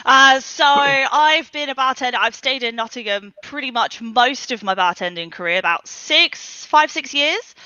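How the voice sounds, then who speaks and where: Upbeat bartender woman on a webcam, bright but a bit muffled, dry sound. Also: high voice, animated, normal speed, hardly any pauses, no room sound. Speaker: bartender guest. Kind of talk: casual video call chat. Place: room at home. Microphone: video call webcam.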